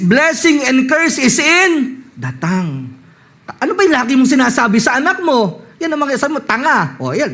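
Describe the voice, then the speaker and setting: Filipino male lay preacher, very high voice, animated sermon delivery with slow scripture readings. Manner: animated, swings from high reading voice to low asides; reads scripture slowly and loudly.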